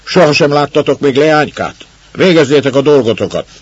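Brief: commanding older noblewoman, put on by a male reader, sharp, with a lively, husky delivery. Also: sits low, full character voice. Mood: scolding. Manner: sharp and scolding. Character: stern, commanding older baroness. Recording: dull lo-fi recording.

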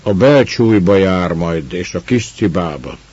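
A blunt, practical forest guard of the mountains, as a male narrator puts him on, talking straight. The voice is low and husky, and the sound is dull and lo-fi. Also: animated, darkish tone. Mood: plain.

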